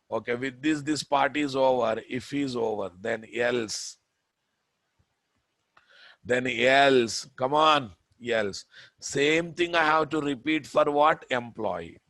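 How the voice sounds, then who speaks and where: Slow-paced man teaching. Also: medium pitch, fairly bright tone, dry recording. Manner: repetitive, prodding listeners with questions. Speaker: programming instructor. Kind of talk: live coding lecture.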